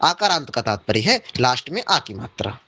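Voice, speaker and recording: A man teaching an online Sanskrit class, reciting word pairs slowly and carefully, then explaining each meaning. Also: medium pitch, sing-song, sharp tone, slightly rough.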